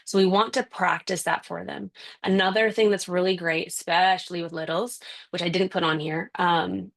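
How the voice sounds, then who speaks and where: A woman's voice: fairly low pitch, gravelly. A woman, a parenting specialist, giving a conversational, emphatic talk full of rhetorical questions.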